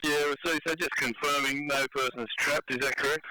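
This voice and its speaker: A man's voice: on the high side, steady tone, fairly quick, background noise. A man working as an emergency dispatcher, speaking in a matter-of-fact, procedural way over two-way radio.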